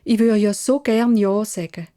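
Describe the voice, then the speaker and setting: A woman's voice: mid-range voice, normal speed, warm tone, voice pushed up, close to an everyday voice. A woman storyteller voicing a kind, worried young woman, speaking earnestly with a Swiss German accent. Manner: earnest, caring speech.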